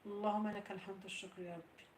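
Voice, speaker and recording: Moroccan woman on a live stream, fast talker, effusive, roomy echoey sound. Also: medium pitch, level tone, darkish tone, a little hiss or hum. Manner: effusive, showers viewers with blessings and thanks. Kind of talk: casual live-stream chat. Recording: roomy echo.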